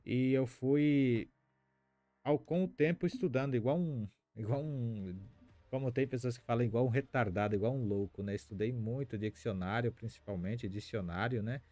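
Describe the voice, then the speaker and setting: Speaking at normal speed with a medium-pitched, dark voice and no echo, a Spanish-speaking man from Paraguay teaches Guarani on a live stream. His style is chatty: he reads viewers' comments and thinks aloud, using lots of fillers.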